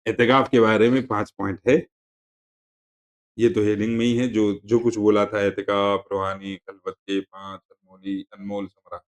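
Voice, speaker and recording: Man teaching a relaxed religious lesson. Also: on the low side, unhurried. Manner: conversational, digressive, explaining terms with repetition. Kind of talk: classroom lesson.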